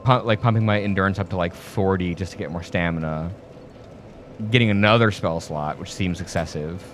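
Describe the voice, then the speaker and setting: A man's voice: deep voice, fairly quick, faint music behind. A man hosting a let's play, chatting casually and thinking aloud as he plays, full of fillers and restarts. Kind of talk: casual gameplay commentary.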